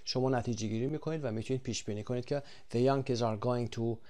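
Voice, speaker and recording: A man teaching an English grammar lesson. He explains quickly, then reads his English examples slowly and deliberately, pausing on thinking fillers as he goes. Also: medium pitch, fairly even intonation, a little mellow.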